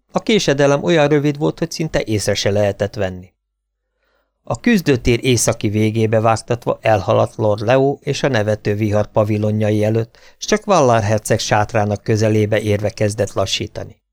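A man with a low voice reads a fantasy audiobook in a steady, measured storytelling manner. The recording is close and dry, with no room echo. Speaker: audiobook reader.

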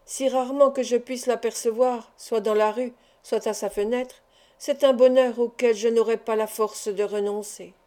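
A woman's voice: a little high, steady tone, normal speed, warm tone, lightly acted. A woman reading an earnest young man in love. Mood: pleading. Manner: emotional, imploring.

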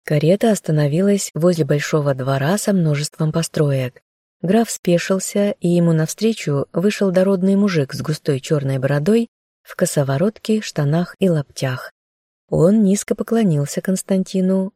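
A woman reading a novel aloud in scripted first-person narration with a steady storytelling manner. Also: low-pitched, normal speed, dry recording, clean studio sound. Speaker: audiobook narrator.

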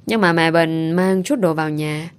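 A woman voicing a loving young mother who speaks gently and politely. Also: sits low, fairly even intonation, moderate pace, clear, resonant tone, natural voice.

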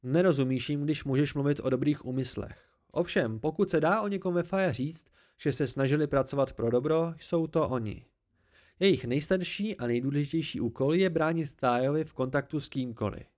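A man voicing Bast, a volatile young fae man who pleads and shouts in high, excitable outbursts, in an amateur audiobook. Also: lightly acted. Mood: agitated.

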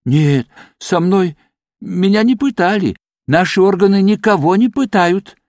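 A man's voice: high-pitched, unhurried, dry recording, clean studio sound, voice pushed up. A man playing a terrified, hysterical arrested doctor. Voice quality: trembling, pleading, breaking into shouts. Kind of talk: audiobook reading.

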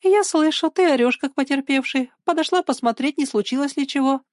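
A woman voicing a cheeky, bossy young girl with a teasing, sharp-tongued manner in a storybook reading. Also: high voice, expressive, moderate pace, no echo, clean studio sound, pitched above the performer's own voice. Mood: mocking.

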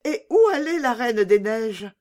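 A woman voicing a gentle, anxious little girl in a children's storybook reading, timid and pleading. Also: fairly high pitch, animated, measured pace, pitched above the performer's own voice.

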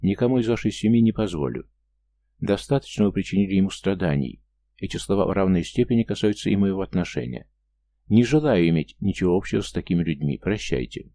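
A male narrator doing a furious young man in an audiobook, turning on a family with cold, accusing words. The voice is deep, gravelly and dark, swinging wide in pitch as the anger rises. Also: animated, fast. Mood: bitter, accusing. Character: angry grieving young man, loyal friend. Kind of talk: audiobook character reading.

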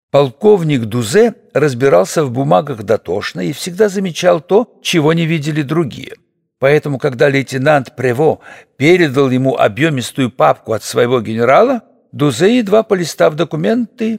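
A man narrating a popular history audiobook in an expressive, dramatic storytelling manner, recorded in a studio. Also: a little high, creaky, dry recording.

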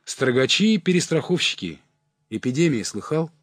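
Brief: wheedling old hustler read by a man, husky, lively pitch, rustic. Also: normal speed, no room sound, studio quality. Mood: conspiratorial. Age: older. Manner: wheedling, sighing, rustic folksy talk. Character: sly older male market hustler, sighing, wheedling. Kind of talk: audiobook character voice.

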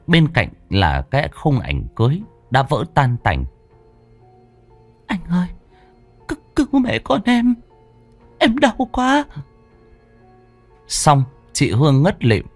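A man narrating a horror story in a slow, dramatic, hushed manner. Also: on the low side. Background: faint music.

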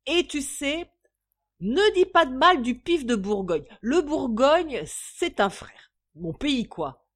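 A woman's voice: high voice, sing-song, slow, voice pushed up, exaggerated voice. A woman voicing a rowdy, slang-spouting drunken working-class man in a storybook reading. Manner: boisterous, slangy, hiccuping.

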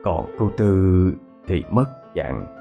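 A man narrating a ghost story in a measured storytelling cadence. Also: low voice, animated, vocal fry, narrow, tinny audio. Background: faint background music.

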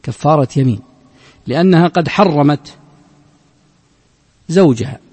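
A man giving a classical Islamic law lesson, explaining a text slowly and repeating his points. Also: fairly high pitch, animated, a little mellow, husky, big-room sound. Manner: slow, measured explanation with frequent repetition of points. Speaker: religious scholar teaching a text.

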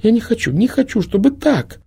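A man's voice: very high voice, very animated, a little fast, creaky, darkish tone, slightly rough, pitched above the performer's own voice, heavily acted. A man voicing a frightened plump teenage girl who whines and pleads through tears. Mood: frightened pleading. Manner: whining, tearful pleading.

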